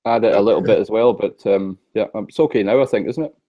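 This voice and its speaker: A man from the west coast of Scotland, talking hesitantly on a video call with many pauses and restarts. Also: on the low side, no room sound, lo-fi sound. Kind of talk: casual discussion on a video call.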